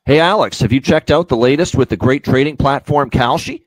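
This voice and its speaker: A man hosts a hockey betting show, shifting from upbeat sponsor reads into casual picks peppered with fillers. His mid-range voice moves fairly quickly, and there's no room sound.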